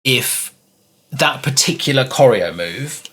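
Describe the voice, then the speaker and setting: A man's voice: mid-range voice, expressive, slow, a bit bright, breathy edge. A man from the UK co-hosting a casual reaction video, thoughtful and wry, often hedging his opinions. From United Kingdom. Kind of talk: casual chat.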